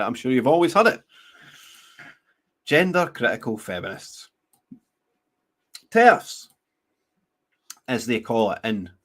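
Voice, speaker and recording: A man hosts his own show, reading articles aloud and interrupting himself with sneering asides. He laughs often and stumbles through restarts as he riffs, in a medium-pitched voice. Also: a bit bright. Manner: halting, many restarts while reading. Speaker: show host. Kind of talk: reading news aloud with commentary.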